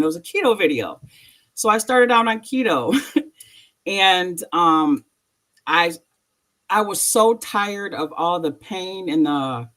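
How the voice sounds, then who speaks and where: A woman as an interview guest, telling her personal story in a halting, emotional way with nervous laughs. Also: low voice.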